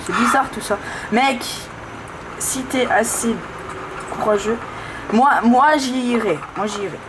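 A woman giving casual, excitable horror game commentary, urging the player on. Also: unhurried. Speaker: gaming video host. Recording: noisy room, low-grade camera audio.

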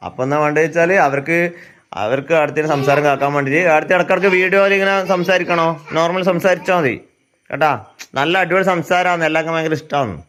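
Quick chatty guy vlogging at home, teasing and talking to viewers. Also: fairly high pitch, fairly even intonation, a bit bright. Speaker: family vlogger. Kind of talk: casual vlog chat. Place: at home indoors.

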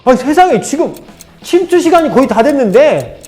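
A man voicing a gruff male company commander exclaiming to other officers. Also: very high-pitched, big pitch swings, moderate pace, a little mellow, faint music behind, pitched above the performer's own voice. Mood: impressed.

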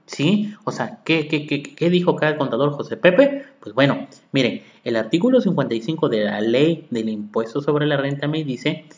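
Expressive and fairly high-pitched, this male voice moves at a moderate pace with few pauses. It belongs to a Mexican accountant giving a tax-law podcast lecture who reads legal articles and then breaks them down with rhetorical questions for his listeners. The audio is lo-fi and dull, recorded in an echoey room.

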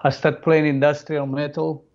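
A man's voice: fairly high pitch, little pitch movement, moderate pace, darkish tone. A man in his thirties from Italy with an Italian accent, a guest sharing his personal testimony in simple, non-native phrasing over a video call. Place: home room, on video call. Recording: muffled video call audio.

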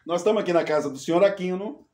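Male sidekick, slightly high-pitched, casual backyard banter, teasing and crude. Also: fast, darkish tone, a little hiss or hum. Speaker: joking sidekick. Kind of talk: casual chat. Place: outdoors at a house backyard.

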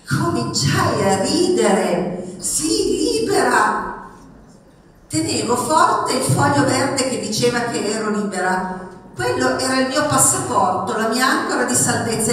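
A woman reading passages of a memoir aloud at a public event, expressive and rising in pitch on the lively parts. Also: a little hiss or hum. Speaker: reader at a book event. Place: public event in a reverberant hall. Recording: echoey hall, mic far off.

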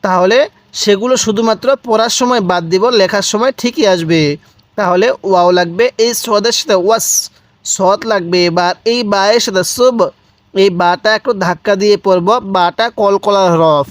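A man teaching Quran reading, spelling out letters and syllables slowly and repeating each one for the learner. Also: high-pitched, dry recording. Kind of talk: slow spelled-out recitation lesson.

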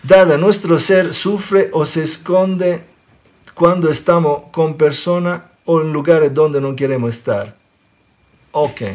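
A Sicilian man in his forties with an Italian accent and a slightly high voice gives an animated spiritual talk in an online Q&A, recorded close up on a webcam in a small indoor room. A spiritual teacher, he gestures a lot and often checks in with listeners by asking "ok?".

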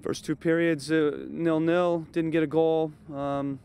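A man in his thirties, a head coach, giving a measured postgame interview outdoors at night, with lots of "you know" and "um" as he thinks. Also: fairly high pitch, level tone, creaky, darkish tone, clear, resonant tone. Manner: thoughtful, measured, frequent fillers. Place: outdoors at a training field at night. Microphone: handheld interview mic held close.

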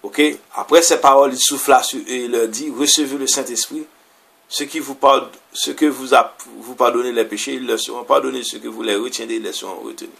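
A man preaching as a pastor, reading verses aloud and explaining them in loose, halting phrases. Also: medium pitch, steady tone, gravelly, fairly bright tone, slightly rough. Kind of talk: sermon reading and explaining scripture.

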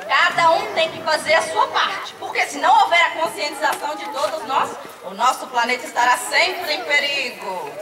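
A woman's voice: high-pitched, lively intonation, moderate pace, hardly any pauses, background noise. A woman playing an earnest, fussy inventor's assistant in a declamatory children's stage play. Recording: distant echoey stage, loud music and crowd.

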